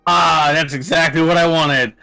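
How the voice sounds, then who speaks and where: A man's voice: fairly high pitch, steady tone, moderate pace, vocal fry, bright, forceful tone, faint music behind, rough recording. A man recapping a tabletop game as a player in casual banter, rambling and jokey with crude asides.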